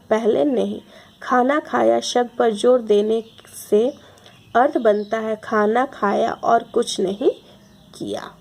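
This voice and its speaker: Slow, deliberate Hindi teacher woman. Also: on the high side, creaky. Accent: Indian Hindi. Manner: slow, deliberate, repeats examples. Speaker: school teacher. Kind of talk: grammar lesson explaining slides.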